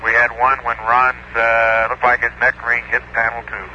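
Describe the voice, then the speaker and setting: A man speaking as an astronaut in orbit, giving brisk, matter-of-fact reports over a crackly air-to-ground space radio link. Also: mid-range voice, monotone. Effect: crackly space radio transmission. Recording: muffled, noisy archival space radio.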